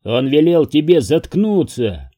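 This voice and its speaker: Gruff mocking sergeant, slow growl, put on by a dark-voiced reader. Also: male voice, fairly high pitch, very animated. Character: gruff male British army sergeant, mocking.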